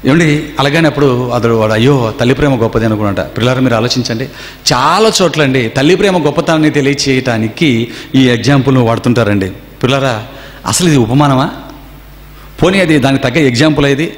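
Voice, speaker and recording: Speaking a little fast in a mid-range voice, a man delivers a sermon in a seminar hall, mixing stories with a steady stream of rhetorical questions for his listeners. The recording echoes with long hall reverb.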